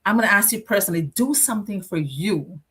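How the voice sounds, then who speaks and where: A woman with a Guyanese accent hosts a casual live chat, spinning animated stories from her childhood. Her voice sits at a middle pitch for a woman, and her delivery is lively and conversational. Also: quick pace, husky. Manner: animated nostalgic storytelling. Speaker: co-host.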